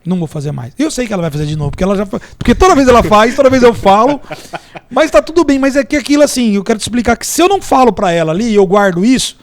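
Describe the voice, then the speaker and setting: A very high, animated voice comes from a Brazilian entrepreneur and mentor speaking very fast as a podcast guest. In a Brazilian Portuguese accent, he chats loosely and tells anecdotes and parables, acting out the quotes.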